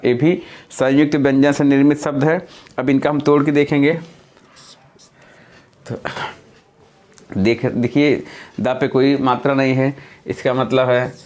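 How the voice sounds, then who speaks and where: A man teaching a lesson, who explains patiently step by step, repeats key points and corrects himself as he goes. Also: medium pitch. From India. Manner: self-correcting, thinking aloud mid-explanation. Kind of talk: classroom-style lesson.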